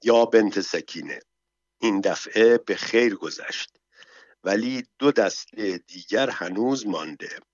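A sly, cheerful servant coaxing his master along in eager, broken phrases, as a male narrator puts him on. His voice sits fairly low. The sound is dry and somewhat muffled. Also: expressive, dry recording, lightly acted. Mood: hushed.

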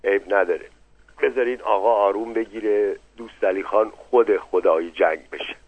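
A man voicing a calm middle-aged father who speaks quietly and tries to smooth things over, in a narrow phone-like recording. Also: mid-range voice, no echo, natural voice. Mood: placating. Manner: quiet, conciliatory.

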